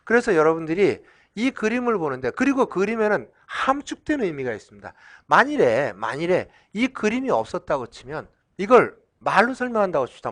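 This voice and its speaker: Middle-aged man, professor, recorded lecture, rhetorical questions, acts out shouts, lively intonation. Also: a little high. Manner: asks questions and answers them himself; drawing on the slide while talking.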